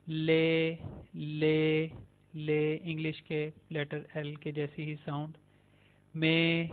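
A man teaching a beginner language lesson, saying each letter slowly and repeating it several times. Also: fairly high pitch. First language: Urdu. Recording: tinny phone-like sound.

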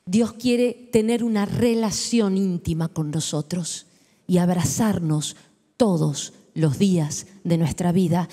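Argentine woman preaching in an echoey hall. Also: fairly high pitch. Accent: Rioplatense Spanish. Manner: swings from hushed and tender to loud and exclaiming. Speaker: pastor. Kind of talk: sermon. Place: large church hall. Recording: echoey hall with long reverb.

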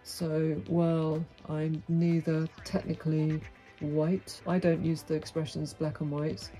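Poor audio captures a middle-aged vlogger's candid monologue to camera from a small, dim room with a brick wall. Frank, wry and outspoken, she speaks slowly in a deep, mellow voice with flat delivery, faint music behind her.

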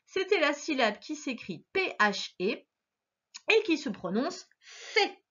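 A woman's voice: sits high, sing-song, slow pace, fairly bright tone, lo-fi sound. A woman teacher giving a recorded phonics lesson to a child, patient and encouraging, stressing each sound.

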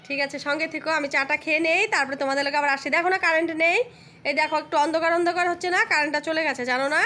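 A woman's voice: high voice, very fast. Chatty woman vlogger at home. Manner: chatty, animated, addresses viewers as brothers and sisters. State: swollen face from toothache. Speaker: village vlogger. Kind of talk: casual vlog chat to viewers.

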